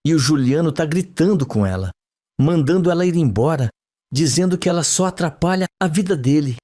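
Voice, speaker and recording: A man's voice: a little high, animated, a little fast, mellow, pitched above the performer's own voice, natural voice. A man reading the lines of a frightened young woman recalling a scene under hypnosis, in a dreamy, trembling way, for a soap opera recap. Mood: tense. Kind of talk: read-aloud soap recap.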